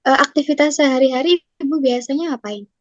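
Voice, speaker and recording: Acting as a nutrition counselor for a class exercise, a young woman works through a scripted consultation with polite, formal questions, step by step. She sits high in pitch and talks a little fast, and the recording is dry, muffled and lo-fi, with no room sound.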